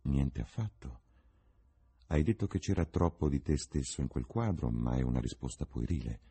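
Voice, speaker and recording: A man's voice: very deep voice, animated, moderate pace, warm tone, breathy edge, full character voice. A man voicing a witty, cynical young lord with an ironic, drawling manner.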